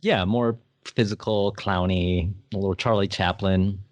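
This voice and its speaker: Low rambling man, dry sound. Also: fairly even intonation, measured pace, a little mellow, no echo. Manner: rambling, laughs often, hesitant fillers. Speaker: podcast co-host. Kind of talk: casual chat.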